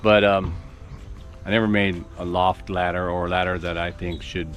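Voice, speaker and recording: A man's voice: low voice, level tone, normal speed, a bit bright, soft background music. A man in his sixties casually thinking aloud as he plans a build on his farm, rambling with many restarts. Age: 60s. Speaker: farm vlogger. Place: outdoor construction site on a farm.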